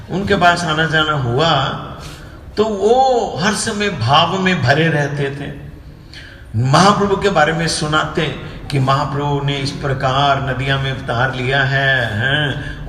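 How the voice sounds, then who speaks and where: A man's voice: mid-range voice, fairly bright tone. A man with a Punjabi Hindi accent giving a devotional discourse, telling stories and acting out the voices of the people in them. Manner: storytelling, acts out quoted voices. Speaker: speaker giving a religious discourse. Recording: echoey hall, distant mic, faint hiss.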